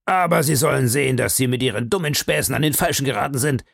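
A man voicing an angry middle-aged country gentleman who rants fast, in a broad West Country dialect. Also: a little high, lively intonation, creaky, no room sound, clean studio sound, voice pushed up. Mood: furious. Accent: broad West Country dialect (as told). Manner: furious, fast, shouting complaints.

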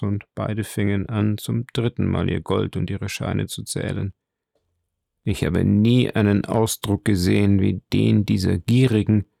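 A man narrating an audiobook in a measured, dramatic way. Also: on the low side, creaky, a little mellow, no echo, studio quality.

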